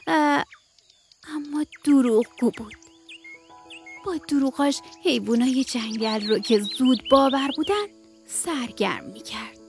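Brief: woman children's radio storyteller, high gentle voice, faint music under her. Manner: gentle, expressive, sing-song storytelling. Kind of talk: bedtime story narration for children.

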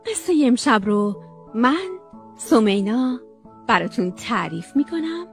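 A woman hosts a children's radio bedtime story, narrating gently with a sing-song lilt and the odd "um". Her voice sits high. Soft children's music plays faintly underneath. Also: sing-song, vocal fry.

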